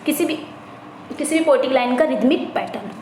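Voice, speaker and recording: A woman with a high voice teaches an exam-prep lesson. She reads each English question out slowly, then explains it in Hindi, repeating phrases as she goes. The recording is roomy and echoey, with a faint hiss behind her. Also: a little mellow. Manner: repeats phrases, corrects herself. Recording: echoey room, faint background noise.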